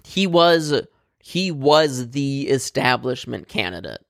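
Gravelly blunt man talking politics. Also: medium pitch, very animated, takes it slowly, fairly bright tone, no room sound, studio quality. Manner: blunt, opinionated, swears freely; rambling with fillers and restarts. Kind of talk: casual political chat.

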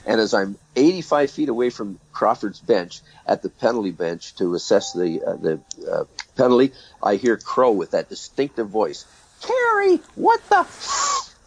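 A man's voice: lowish voice, animated, normal speed, a little mellow, husky, rough recording. An older man, a retired hockey referee, telling a story as a guest in an interview and acting out the exchanges.

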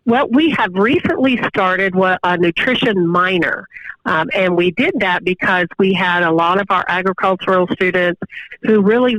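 A woman professor answering interview questions over the phone, explaining at length with pauses and fillers. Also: fairly low pitch, no echo. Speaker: guest professor of exercise science. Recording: dull, muffled phone line.

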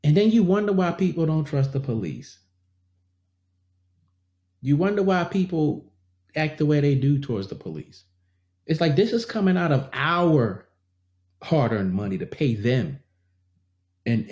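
A man's voice: a little high, lively intonation, measured pace, long pauses, darkish tone, echoey room, highs cut off. A man talking straight to his viewers in a casual, earnest way, growing indignant and repeating himself as he reacts. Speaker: vlogger. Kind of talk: casual commentary to camera.

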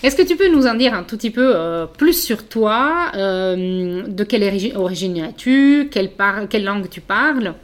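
A woman's voice: medium pitch, expressive, moderate pace, few pauses. Chatty female interviewer. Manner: friendly, chatty, with many fillers. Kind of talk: casual interview.

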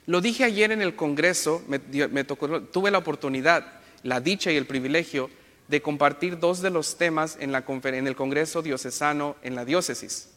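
High, bright-voiced priest with a playful homily. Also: male voice, normal speed. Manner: playful, jokey asides and self-corrections; imitates other people's accents. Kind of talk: Sunday homily. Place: church. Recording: long church reverb.

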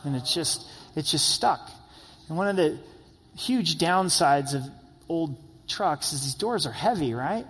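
A man's voice: fairly high pitch, lively intonation, unhurried, a bit bright, breathy edge, in a large hall. A male pastor giving a sermon in a conversational, storytelling way, often asking "right?" and repeating phrases for emphasis.

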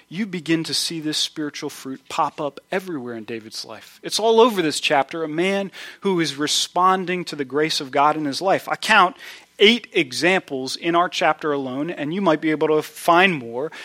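Pastor guy preaching a sermon, bright tense voice, kinda high for a man, earnest. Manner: earnest preaching, lively storytelling with acted-out quotes.

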